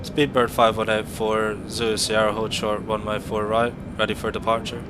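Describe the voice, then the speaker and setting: A man acting as a virtual airline pilot, reading back clearances on a cockpit headset in clipped aviation phraseology. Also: on the low side, flat delivery, moderate pace, background noise. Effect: pilot talking on a cockpit headset. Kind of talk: pilot radio calls in flight sim. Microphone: headset mic.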